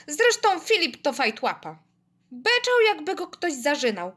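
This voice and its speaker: A woman's voice: very high voice, pitched above the performer's own voice. A woman voicing a cheeky, defiant little girl who answers back. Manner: pert, quick retorts.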